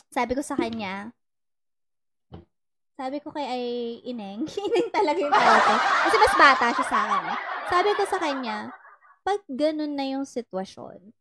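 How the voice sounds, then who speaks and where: A young Filipino woman with a high voice hosts a casual podcast giving love advice, teasing and laughing often while mixing in English. Heavy background noise sits behind her.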